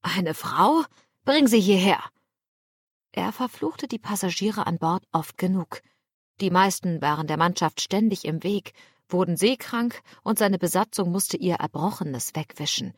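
A woman narrating an audiobook in a somewhat low voice. She reads at an even, measured pace, recorded close and dry with no room sound. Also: dry recording. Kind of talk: scripted narration.

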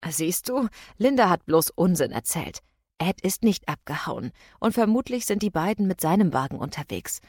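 A woman reads the part of a practical grown man who keeps things calm and placating, talking sense to a friend. The voice is lowish, and the sound is dry and close. It is an audiobook reading rather than full acting. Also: normal speed, husky, no echo. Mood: reassuring. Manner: level-headed, placating.

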